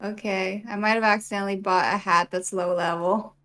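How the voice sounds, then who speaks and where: A woman's voice: medium pitch, fairly even intonation, brisk, fairly bright tone. A woman co-hosting a game stream, chatty and playful, asking questions as she plays. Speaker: streamer co-host. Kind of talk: casual gameplay chat.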